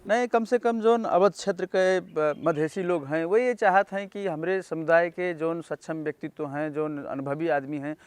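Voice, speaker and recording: Smooth-voiced man with Awadhi accent interviewing. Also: a little high, normal speed, few pauses, no room sound. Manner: polite, formal questioning. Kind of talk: formal interview questions.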